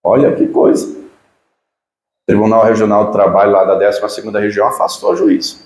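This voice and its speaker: A man's voice: lowish voice, flat delivery, normal speed, a little mellow, reverberant. A man with a Brazilian Portuguese accent preaching a sermon, emphatic and full of rhetorical questions. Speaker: pastor.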